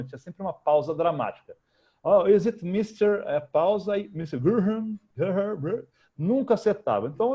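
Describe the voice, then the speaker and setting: A man with a Brazilian Portuguese accent, a guest telling lively, slangy anecdotes in a casual interview. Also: mid-range voice, muffled recording. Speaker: guest, futurist.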